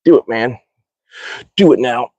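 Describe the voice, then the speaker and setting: A man streams live on his phone from his backyard archery range, chatting casually in a mid-range, slightly slow voice with a dark tone. He rambles, restarts often, reads viewer comments aloud and answers them, and mutters curses after bad shots. The audio has no echo, but the highs are cut off.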